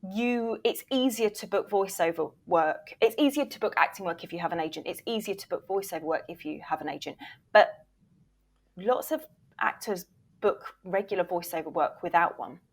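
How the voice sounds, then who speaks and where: A former voiceover agent who now produces voice reels, this woman appears as an interview guest. Her voice sits on the low side and moves at a moderate pace. Her explanations are conversational and emphatic, and she frequently acts out questions actors might ask.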